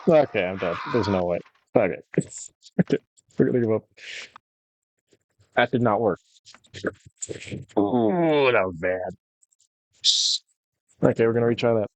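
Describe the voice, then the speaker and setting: A young man rambling in a deliberate monotone with lots of fillers while commenting on a game he is playing. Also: medium pitch, dry recording, dull audio. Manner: rambling, halting, with many fillers. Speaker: gaming video host. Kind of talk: casual gameplay commentary.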